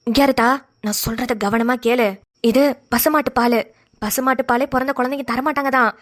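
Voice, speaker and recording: A woman's voice: fairly high pitch, a little fast, natural voice. Woman voicing a kind, practical older village woman. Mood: reassuring, urgent. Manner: calm, instructing, reassuring. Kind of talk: cartoon voice acting.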